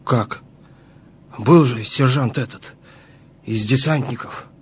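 Guarded male partisan, medium pitch, unhurried, terse secretive password-at-the-door manner, war drama. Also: husky. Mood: questioning.

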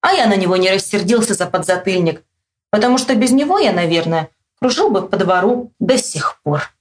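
A woman teacher reading a children's story aloud with lively expression, acting out the shouts, then quizzing a pupil. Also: brisk. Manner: acts out the boy's shouts with big jumps in pitch. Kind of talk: expressive read-aloud with quiz questions.

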